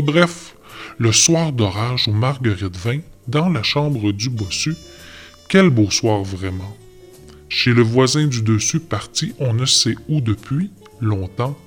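A man recites a poetic tale in a wry, playful manner, his voice sitting in an ordinary middle pitch. A guitar plays faintly underneath the telling. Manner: wry, wordplay-laden telling. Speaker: narrator.

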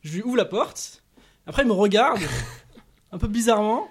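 Man in his thirties, high-pitched. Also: moderate pace, slightly rough. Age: 30s. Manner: relaxed storyteller, many fillers. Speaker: contestant. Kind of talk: casual chat.

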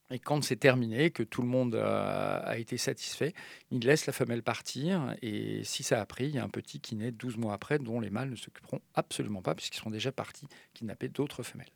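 Male expert guest, gravelly voice, dry close sound, lively explaining with frequent restarts. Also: medium pitch, dry recording. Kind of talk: radio science interview.

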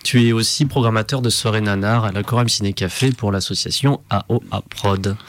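Low-voiced male co-host. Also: fairly quick. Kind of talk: casual interview introduction.

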